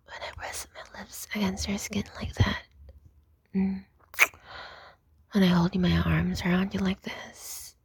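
A young woman whispering close to the mic in an intimate roleplay, soft, coaxing and dominant. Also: medium pitch, level tone, a little slow, pauses often, slightly rough, no echo. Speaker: audio roleplay performer.

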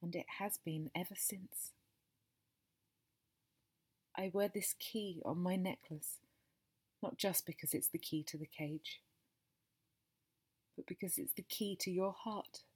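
Breathy, slow-talking woman, intimate whispers. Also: fairly low pitch, fairly even intonation. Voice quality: breathy and soft. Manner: tender, possessive, speaks to the listener as baby. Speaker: narrator of an intimate audio story.

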